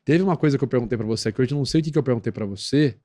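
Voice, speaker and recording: A guest expert on lie detection with a Brazilian Portuguese accent explains things patiently in an explanatory podcast interview, his warm voice racing along. He's didactic, peppers his speech with tag questions, and acts out quoted voices in a high squeak.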